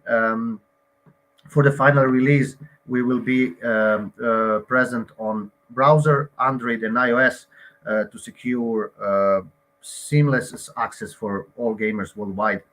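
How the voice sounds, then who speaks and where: Man from Croatia, game co-founder, online pitch, hesitant, lots of fillers. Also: fairly even intonation, takes it slowly, fairly bright tone.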